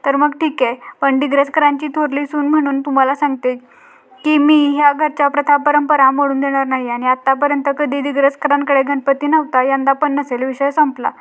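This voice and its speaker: A proud, bossy elder daughter-in-law scolding the household, read out by a woman. The voice sits high and stays level, lecturing rather than shouting. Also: little pitch movement, a little fast, natural voice. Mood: stern scolding.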